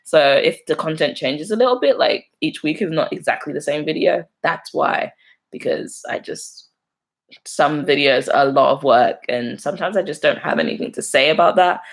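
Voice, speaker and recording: This deep-voiced young woman from London, with a London accent, speaks at a normal speed with lively intonation. She's hosting a casual YouTube live stream, frequently laughing while she reads out and responds to viewer comments.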